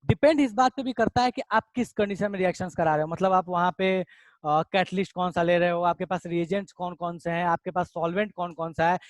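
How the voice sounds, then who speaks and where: A man teaching an online chemistry revision class, talking quickly and casually and calling his students "beta". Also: high-pitched, no room sound. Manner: fast-talking, addresses students as beta, casual Hinglish asides.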